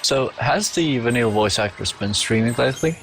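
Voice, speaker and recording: A man's voice: mid-range voice, lively intonation, brisk, a bit bright, faint music behind. A man chatting casually and making teasing jokes as a co-commentator. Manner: jokey, teasing. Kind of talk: casual chat.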